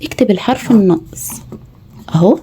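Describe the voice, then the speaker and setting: A woman's voice: mid-range voice, animated, a little fast, warm tone, a little hiss or hum. A woman with an Egyptian Arabic accent, teaching mothers how to tutor their children, patiently spelling out letters one by one. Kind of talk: home tutoring lesson.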